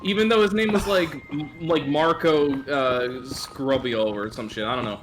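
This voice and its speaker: Male streamer, lively casual chatter with swearing and mimicry, pitched a bit high, light music underneath. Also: normal speed. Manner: animated, swears often, mimics characters. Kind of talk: casual gaming chat.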